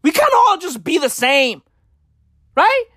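In a very high voice and at a slow pace, a southern African woman whose native language is Tswana does a stand-up style comic rant. It's profane, rambling and packed with animated slang, recorded dry with clean studio sound.

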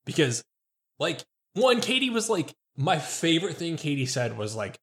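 A man in casual conversation with a lively, swooping voice that rises a little above the usual range. He talks in an animated way, often slipping into the voices of the people he describes. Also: fairly high pitch, normal speed. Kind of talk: casual chat.

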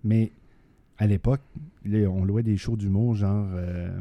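A man's voice: fairly low pitch, fairly even intonation, unhurried, no room sound, dull audio. A middle-aged man with a Québécois accent, chatting casually and rambling with many restarts. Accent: Québécois French. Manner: rambling, many restarts and fillers, laughs often. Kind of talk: casual chat.

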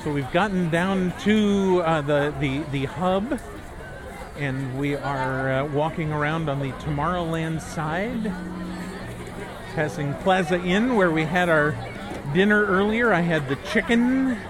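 A man hosting a casual walk-around chat outdoors, rambling in a halting way. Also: a little high. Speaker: podcast host. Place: outdoors walking through a busy theme park. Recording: outdoor park noise and crowd.

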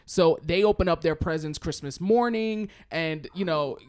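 A man's voice: fairly high pitch, moderate pace, clear, resonant tone. A young adult man hosting a casual faith-themed chat, easygoing and full of "you know" fillers. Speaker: podcast host.

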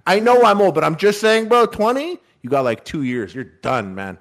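A man's voice: sits high, very animated, moderate pace, fairly bright tone. A man in his mid-thirties chatting on a voice call, joking and rambling about getting old. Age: 30s. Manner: joking, rambling, self-mocking. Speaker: guest on a voice call. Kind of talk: casual chat. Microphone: online voice call.

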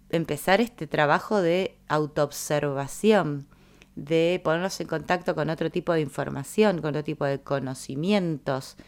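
A woman with a Rioplatense Spanish accent talks casually and reflectively to her listeners. Her voice sits a little low, and she muses aloud with pauses and fillers. She acts out quoted bits of dialogue in a higher voice. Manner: musing, thinking aloud with fillers. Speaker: speaker on personal growth. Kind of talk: reflective casual talk to an audience.

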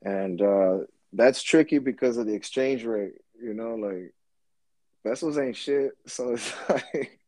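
A laid-back comedian chatting casually, swearing often and trailing off with fillers. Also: male voice, mid-range voice, a little slow, mellow, no room sound. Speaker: comedian guest. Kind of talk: casual podcast chat.

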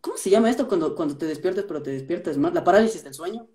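Fast-talking Ecuadorian man, dark voice. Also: high-pitched. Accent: Ecuadorian Spanish. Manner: animated storytelling, many restarts. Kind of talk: casual chat.

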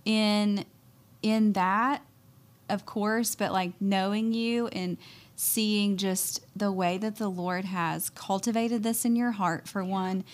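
A woman hosts a relaxed interview and keeps her guest going with steady "mm-hmm"s and "yeah"s. She then steers the talk onward with friendly, conversational questions. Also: medium pitch, slow. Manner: affirming, with frequent "mm-hmm" and "yeah". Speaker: podcast host.

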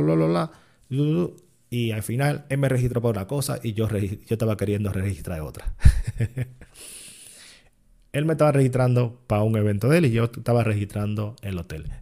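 A man's voice: sits low, mellow. A man, an online seller talking to his channel in a casual, rambling way that often stops to correct himself. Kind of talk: casual vlog monologue.

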